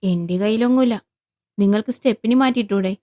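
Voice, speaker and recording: A woman's voice: on the high side, quick pace, warm tone, lightly acted. A woman voicing a mocking man in his forties on a bicycle, sly and needling in tone. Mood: offhand.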